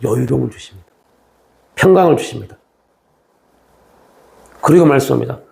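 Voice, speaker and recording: A man preaching a sermon as a pastor, moving between raised, pressing appeals and low, hushed lines. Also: expressive, brisk, vocal fry. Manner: acts out quoted speech of Jesus and the young man.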